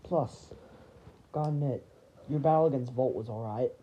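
A woman playing with toys and voicing a battle, shouting attack calls and then dropping to quiet murmurs. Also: extremely low pitch, normal speed, slight background noise, poor audio. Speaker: toy show performer. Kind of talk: acting out a toy battle.

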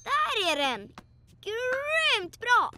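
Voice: very high-pitched, sing-song, sharp tone, exaggerated voice. A child dubbing a curious, cheerful four-year-old tiger boy in a children's cartoon, eagerly asking the viewer questions. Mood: excited. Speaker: lead cartoon character. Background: children's music.

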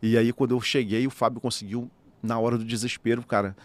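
A Brazilian man recounting a personal story as a podcast guest, talking rapidly and animatedly, peppering his speech with "né" and "cara". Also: mid-range voice, flat delivery, no echo. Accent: Brazilian Portuguese.

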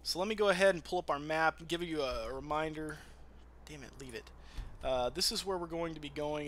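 His voice a little high and a bit bright, this man hosts a gaming channel and chats casually through a let's-play. The talk rambles and swears freely, with game music in the background.

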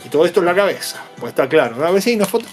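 A man's voice: a little high, very animated, rapid-fire, soft background music. A man, unboxing toys and patiently explaining them to young viewers, checking in with them all the time. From Argentina. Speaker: toy unboxing vlogger.

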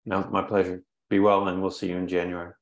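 An older man answering questions as a guest on a video call, measured and repeating words as he thinks. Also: deep voice, completely flat delivery, dull audio. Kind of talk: conference interview answer. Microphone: webcam video call.

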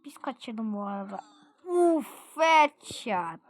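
A woman giving live gameplay commentary, excitable and quick to laugh and shout out exclamations. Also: on the high side. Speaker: gaming video creator.

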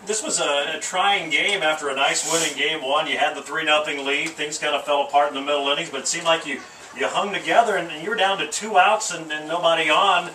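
A man's voice: a little high, fairly even intonation, brisk, bright, forceful tone, recorded from a distance. A male sports radio announcer interviewing after a game in a small wooden press box, asking long, rambling questions with restarts over a headset mic. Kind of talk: postgame interview. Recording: echoey, from off the mic, noisy outdoor ambience.

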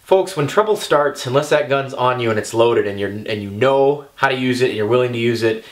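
A man's voice: mid-range voice, brisk. Young guy lecturing about carrying, emphatic and preachy, keeps saying okay and all right. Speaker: firearms instructor. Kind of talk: direct-to-camera talk.

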